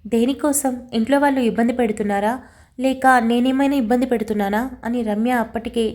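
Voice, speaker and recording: A woman's voice: a little high, steady tone, quick pace, dark tone, lightly acted. A woman voicing a tearful, pleading young woman. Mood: worried.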